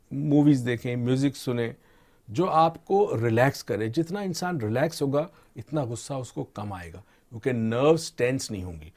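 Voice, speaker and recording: A middle-aged man talks through his ideas like a patient teacher, setting out each step plainly for a listener. His voice sits at an ordinary middle pitch. He drops English words into his sentences as he explains. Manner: calm teaching tone, mixes English terms into Urdu. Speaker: expert guest on motivation and mind training. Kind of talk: explanatory discussion.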